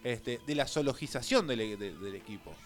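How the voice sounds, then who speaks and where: Lively joking Argentine radio host. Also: male voice, medium pitch, brisk. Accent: Argentine Spanish. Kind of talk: casual radio banter.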